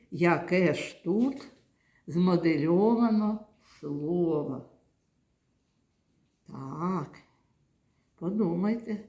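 A woman teacher speaks slowly and patiently to a class of young children, coaxing answers and praising them often. Her voice rings with the echo of a classroom. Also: on the low side, darkish tone. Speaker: primary school teacher. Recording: echoey classroom.

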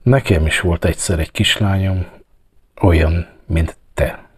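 A man voicing a huge, gruff middle-aged police chief who barks harsh orders. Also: on the low side, lively intonation, dark tone. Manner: barking, harsh commands.

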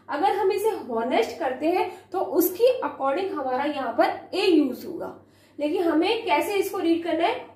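A woman's voice: high-pitched, a little mellow, roomy sound. A woman teacher with an Indian accent explains a grammar lesson to young students. She asks questions and answers them herself, mixing Hindi and English. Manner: mixes Hindi and English, slowly reads rules aloud. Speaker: school teacher.

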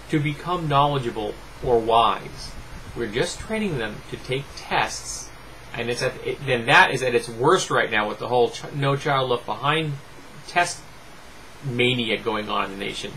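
A middle-aged man giving an opinionated book review to camera in deliberate, emphatic phrases with pauses. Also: medium pitch, rough recording. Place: small home room lined with bookshelves. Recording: clear steady fan noise. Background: electric fan noise.

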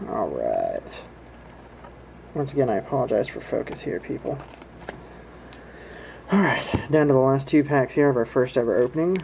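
A man's voice: a little high, creaky, dark tone, slight background noise, rough recording. A man giving casual, laid-back running commentary to viewers in a folksy way, recorded indoors on a home camera. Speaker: host of a trading card pack-opening video. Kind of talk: casual running commentary while opening card packs. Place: indoors at home, hands at a table.

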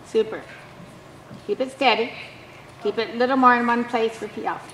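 A woman's voice: on the high side, steady tone. Encouraging woman coaching from far off. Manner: brisk, encouraging, repeats short praise. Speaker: dressage clinic instructor. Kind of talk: coaching a rider from the arena side. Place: large indoor riding arena. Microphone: camera far across the arena. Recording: distant echoey arena with background noise.

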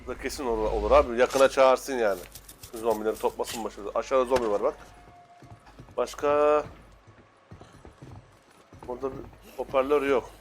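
A young man casually commenting while playing, excitable and cursing at the game, shouting now and then. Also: mid-range voice, normal speed, long pauses. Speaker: gaming YouTuber. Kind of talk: Let's Play commentary.

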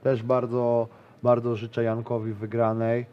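A man in his thirties, a grappler appearing as an interview guest, chats casually in a small studio with a decorated wall, rambling with plenty of fillers and restarts. His mid-range voice is monotone and a little slow, and the recording has its highs cut off.

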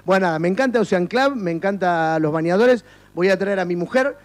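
A man's voice: high voice, lively intonation, brisk. A middle-aged man hosting a comic TV show, teasing his interviewees with mock outrage and holding a handheld mic indoors. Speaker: comic TV host. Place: indoor studio and shops. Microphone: handheld microphone.

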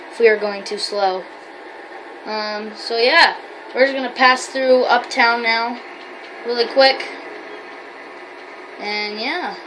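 A gamer, a woman with a fairly high voice, role-plays as a trucker while giving rambling, chatty commentary on her gameplay. Her talk is full of fillers and self-corrections, and there's noise in the background.

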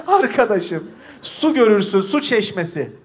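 A man's voice: high voice, sing-song, measured pace, a little hiss or hum. A man hosting a stage comedy show, calling out cues and ordering the players around while laughing. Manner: bossy, laughing, shouting cues. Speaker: host directing an improv scene. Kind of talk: stage improv direction.

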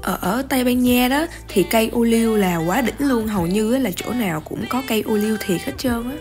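A woman's voice: fairly high pitch, fairly quick, a little mellow. A young woman with a Southern Vietnamese accent, chatting enthusiastically to viewers in a casual travel vlog while filming herself at arm's length. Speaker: vlogger. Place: outdoor shopping mall and shops. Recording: music playing under the voice. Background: background music.

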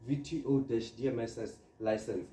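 A man speaks at a moderate pace in a mid-range voice with fairly even intonation, casually training people on products and using everyday examples to explain each step. He's in an indoor room with a big screen, captured in a dark, echoey, distant, noisy recording.

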